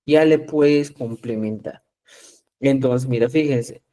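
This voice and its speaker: A man from Peru teaching a live online class, patiently explaining and often checking understanding with a quick "¿ya?". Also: medium pitch, mellow. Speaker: Quechua teacher.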